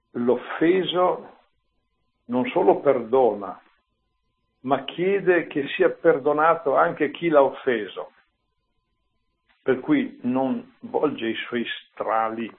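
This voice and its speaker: Man, priest, conversational homily, rhetorical asides, gravelly, thin phone-like sound. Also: medium pitch. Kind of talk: Bible commentary, homily. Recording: tinny phone-like line.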